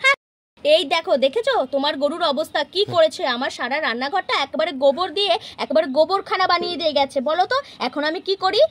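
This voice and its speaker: A woman's voice: very high voice, expressive, quick pace, fairly bright tone. A woman voicing a scolding village mother. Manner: scolding, insistent, repeats words. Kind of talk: toy-house puppet play.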